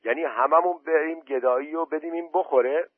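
A man reading aloud as an irritable older village man in a story, complaining loudly. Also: fairly high pitch, no room sound, voice pushed up, natural voice. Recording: dry, tinny phone-quality audio.

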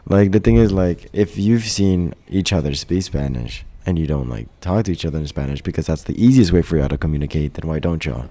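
A man's voice: deep voice, lively intonation, brisk, few pauses, dark tone. A man co-hosting a podcast, talking in a laid-back, drawling way and swearing freely. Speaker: podcast co-host. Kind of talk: casual chat.

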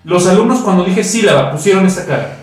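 Lively mexican man, echoey room. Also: sits high, fast talker. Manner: animated, slangy, laughs while telling stories. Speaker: co-host, high school Spanish teacher. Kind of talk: casual podcast chat. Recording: very echoey room with faint music.

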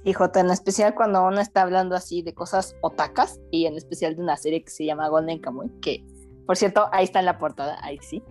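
A woman's voice: fairly low pitch, steady tone, fast talker, a little mellow, faint music behind. A young adult woman with a Mexican accent, co-hosting a casual comedic podcast in a slangy, playful, self-mocking way. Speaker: podcast co-host.

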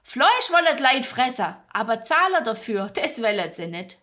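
A woman's voice: a little high, very animated, moderate pace, a bit bright. Homely older Swabian farm woman, bossy and chatty, a bit raised, as a woman storyteller puts her on. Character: brisk kind older female farmer.

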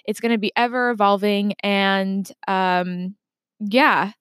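A woman's voice: medium pitch, fairly even intonation, takes it slowly, a bit bright, smooth. A young woman in her twenties talks through a casual solo podcast intro from her desk at home. She sounds chatty and reflective, trailing off and restarting her thoughts. The sound is dry and close, with no room echo. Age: 20s. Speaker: podcast host.

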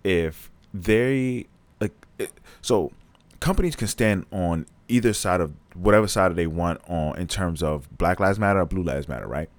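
Deep-voiced man talking bluntly. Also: normal speed, no echo. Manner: blunt, frank, repeats for emphasis. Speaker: podcast co-host. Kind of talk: casual chat.

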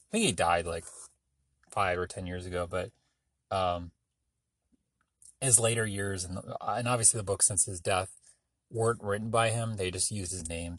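A man's voice: lowish voice, dry recording. A man hosting his own podcast, talking casually and meandering from thought to thought with many filler sounds. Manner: rambling, meandering, filler-heavy; offhand, self-deprecating. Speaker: podcast host. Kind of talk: solo casual monologue.

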